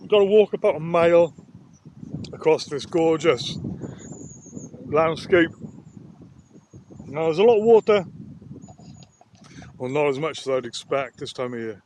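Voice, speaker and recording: A sound therapist vlogger walks through a nature reserve talking candidly, a little out of breath, in a rambling, downbeat walk-and-talk vlog. His voice sits high, with slight background noise and faint outdoor ambience.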